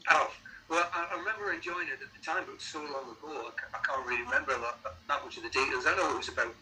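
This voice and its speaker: A middle-aged or older man with a Sunderland accent, chatting casually as an interviewed musician, halting and repeating words as he thinks. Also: medium pitch, heavy background noise. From Sunderland, North East England.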